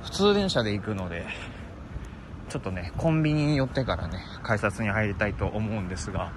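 A man narrating his train trip in a polite, leisurely way, full of filler pauses, outdoors at city stations. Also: on the low side, expressive. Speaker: train-riding vlogger. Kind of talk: casual travel narration to camera. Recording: outdoor urban noise behind the voice.

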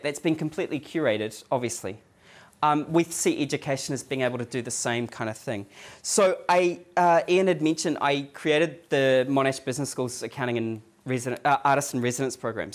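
Chatty New Zealand man lecturing. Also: medium pitch. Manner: checks in with the audience by asking "Yeah?"; loose, rambling delivery with restarts and fillers. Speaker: guest lecturer. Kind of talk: conversational lecture. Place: office event space with a live audience.

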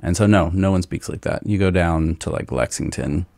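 Deep-voiced man from Kentucky. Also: normal speed, vocal fry, a little mellow, no room sound. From Northern Kentucky, US. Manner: rambling, chatty, with filler words. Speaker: podcast host. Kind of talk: casual chat.

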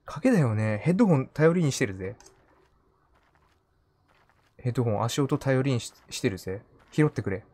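Animated male game streamer. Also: mid-range voice, moderate pace, long pauses. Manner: playful muttering to himself, repeating short phrases. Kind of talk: live gaming commentary, casual.

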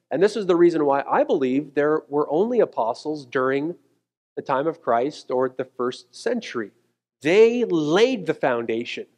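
A man in his thirties preaching a sermon on a church stage, earnest and emphatic, slowing down on key words. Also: a little high, a little mellow. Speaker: pastor. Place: church stage, mid-size room indoors.

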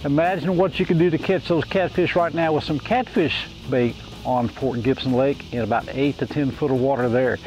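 An older man from Oklahoma giving a steady, folksy fishing report to camera by a lake. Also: medium pitch, moderate pace, soft background music, poor audio. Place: outdoors by a lake shore.

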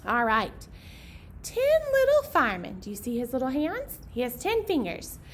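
A woman in her thirties, working as a children's librarian, hosts storytime in an indoor library program room, chatting and reading aloud to young listeners in simple, encouraging phrases. Her high voice swoops wildly in pitch at a moderate pace, with a little hiss or hum in the audio.

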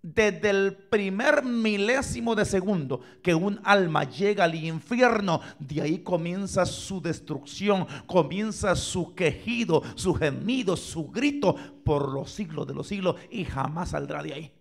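A male pastor preaches in a high, gravelly voice. He moves from loud cries to hushed near-whispers, asking the congregation questions as he speaks to them and to online viewers. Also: measured pace, few pauses. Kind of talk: sermon. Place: church sanctuary, filmed for online viewers.

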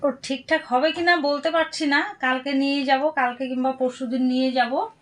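A woman's voice: high voice, fairly even intonation, moderate pace. An older woman, chatting casually and homely in a family vlog. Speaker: vlogger.

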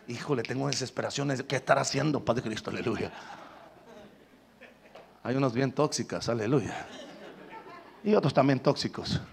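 A man's voice: medium pitch, a little slow, vocal fry, long pauses, a little hiss or hum. A male Pentecostal evangelist preaching a sermon, calling out to the congregation with frequent hallelujahs. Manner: loud, call-and-response preaching with many hallelujahs.

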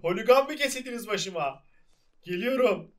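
Excitable young male streamer, high-pitched, bright and animated. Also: normal speed. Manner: excitable, shouting, laughing. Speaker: gaming channel host. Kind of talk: excited gameplay commentary.

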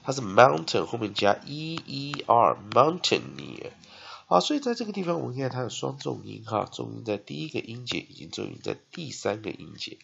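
A man's voice: mid-range voice, big pitch swings, creaky, fairly bright tone, lo-fi sound. A man teaching an English spelling and phonics lesson in Taiwanese-accented Mandarin, often dragging out syllables and ending phrases with "ha". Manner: drawn-out repeated syllables, frequent "ha" tag.

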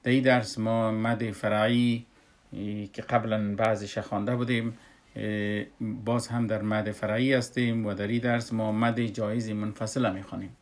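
A man, a Quran recitation teacher who explains a lesson step by step and pauses often on drawn-out "uh" sounds. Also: fairly low pitch, level tone. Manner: unhurried, with frequent drawn-out "uh" pauses.

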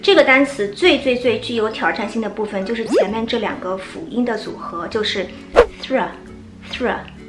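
A woman whose first language is Chinese, teaching English pronunciation and slowly demonstrating sounds. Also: fairly high pitch. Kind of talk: pronunciation lesson. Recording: echoey room with faint music.

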